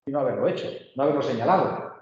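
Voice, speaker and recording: A man's voice: mid-range voice, animated, racing, darkish tone. Man, literature teacher, patient, frequent tag questions, echoey room, muffled sound. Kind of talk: online class lecture. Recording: echoey, roomy, dull sound.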